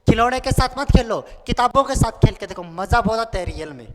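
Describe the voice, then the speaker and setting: An animated, brisk man, aged twenty-one, with a very high voice leads exam preparation in a jokey, casual register. He hammers home key points by repeating them and plays out pupils' questions himself. Noise, clicks, and hall-like echo mark the recording.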